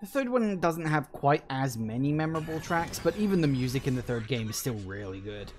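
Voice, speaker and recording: A man's voice: mid-range voice, big pitch swings, fairly quick. A man giving casual video game commentary in an offhand, blunt, mildly sweary way. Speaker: gameplay commentator. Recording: voice over game music.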